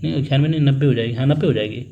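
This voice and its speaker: A man's voice: mid-range voice, racing, gravelly, muffled recording. A young man teaching an exam-prep maths lesson, working sums aloud, repeating figures and prompting his students to answer. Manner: acts out family members in a little story.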